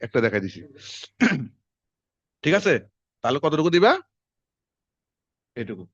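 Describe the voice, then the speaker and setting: A man, teaching a class in quick, conversational lecture style and quizzing his students as he goes. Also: medium pitch, very animated, fairly bright tone, no echo. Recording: dull lo-fi classroom recording.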